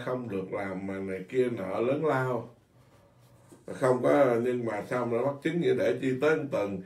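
Blunt scolding Buddhist monk, echoey room. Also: male voice, medium pitch, distant mic. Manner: blunt, scolding, animated with many repetitions. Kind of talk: informal dharma talk.

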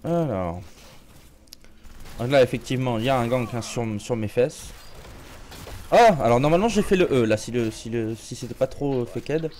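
A man streams his own match and chats over it in a loose, joking way, stumbling and restarting often. His throat is a little sore and he clears it from time to time. Faint noise sits under the voice. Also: medium pitch, animated, moderate pace, pauses often, darkish tone. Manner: joking, chatty, many restarts and fillers. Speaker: game streamer. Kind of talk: casual live gameplay commentary.

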